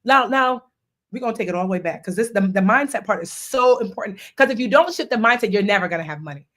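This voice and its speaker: A woman's voice: medium pitch, expressive, fast talker, fairly bright tone. A woman in her forties hosting a live session, talking casually and animatedly, telling stories and acting out quoted voices. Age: 40s. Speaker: host. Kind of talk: casual live coaching talk.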